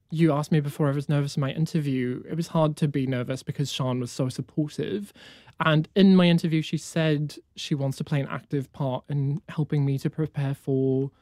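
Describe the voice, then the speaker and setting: A young conducting student from New Zealand, whose first language is Afrikaans, answers interview questions as a guest with enthusiasm, halting often and using many fillers. The voice is medium-pitched and mellow, with clean studio sound and no room sound.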